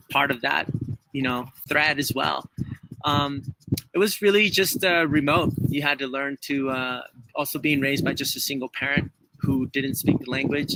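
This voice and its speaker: A man from El Salvador talks through his story in an interview, pausing often on fillers as he searches for words. His voice is bright and clear, set at an ordinary middle pitch. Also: no echo, poor audio. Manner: hesitant, many fillers, heartfelt. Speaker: guest, trail runner. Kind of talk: conversational interview.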